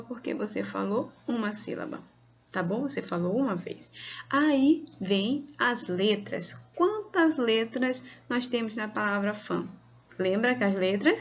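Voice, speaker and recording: In a video lesson for kids, a woman teacher with a Brazilian Portuguese accent talks patiently and slowly, lengthening her words. Her pitch is medium, and the high frequencies are cut off.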